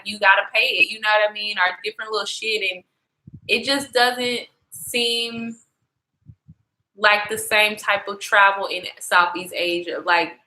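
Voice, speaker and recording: A woman's voice: fairly high pitch, sharp tone, poor audio. A young woman chatting casually on a travel livestream, slangy and profane, talking straight to her viewers. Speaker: travel vlogger.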